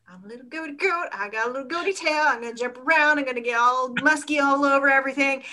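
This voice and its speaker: A woman voicing a playful little male goat, bouncy and rapid. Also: sits high, sharp tone. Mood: frisky.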